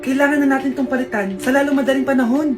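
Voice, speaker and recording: A woman's voice: high voice, fairly even intonation, fast, over music, pitched below the performer's own voice, lightly acted. A woman playing a grave, formal doctor. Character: serious doctor giving grave news. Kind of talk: comedy skit.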